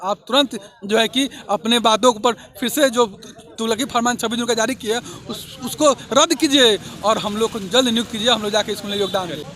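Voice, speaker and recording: High, bright, fast-talking man. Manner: forceful, rhetorical, pleading. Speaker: protesting teacher candidate. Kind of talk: impassioned street interview. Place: street protest outdoors.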